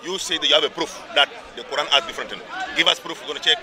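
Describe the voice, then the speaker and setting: Speaking very fast in a fairly high voice, a man holds his ground in a heated street debate, repeating himself and hammering on "listen" over and over. The setting is an outdoor public speaking area with a crowd of onlookers in the background.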